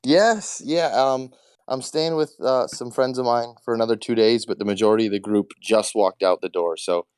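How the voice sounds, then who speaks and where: A man's voice: medium pitch, moderate pace, darkish tone, smooth, no room sound. A man chatting in an upbeat, joking way in a casual online voice chat. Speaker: community member.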